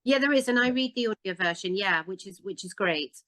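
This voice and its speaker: A woman's voice: mid-range voice, expressive, brisk, a bit bright, no echo. A woman in her fifties with an English accent, chatting as an interview guest, full of fillers and restarts. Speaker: guest actress. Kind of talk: casual interview chat.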